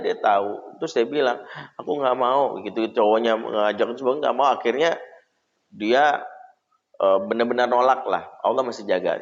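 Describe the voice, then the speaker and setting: A man, an Islamic preacher, giving a casual parenting talk and telling a story in an animated, conversational way. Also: mid-range voice. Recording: echoey hall, dull lo-fi sound.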